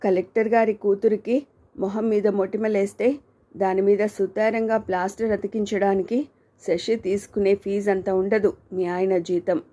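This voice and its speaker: A woman's voice: mid-range voice, level tone, normal speed, mellow, close to an everyday voice. A woman reading a sneering arrogant male villain. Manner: sneering, taunting. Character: cruel arrogant young man, a mocking villain. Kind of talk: audiobook character reading.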